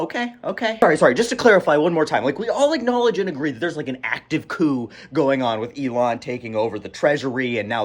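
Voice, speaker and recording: A young man delivering a sarcastic, profane satirical rant about politics, with mocking asides. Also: a little high. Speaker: political commentary creator.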